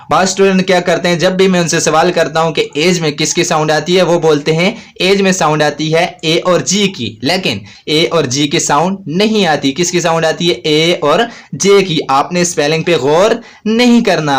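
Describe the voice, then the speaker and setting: A man's voice: fairly high pitch, a bit bright. A man teaching a shorthand lesson, patiently explaining each rule, asking his own questions and answering them right away. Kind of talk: classroom-style lesson.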